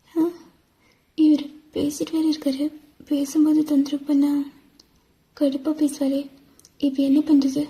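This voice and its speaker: A woman's voice: high voice, warm tone. A woman voicing a worried middle-aged village mother in a fan voice-over drama, fretful and scolding.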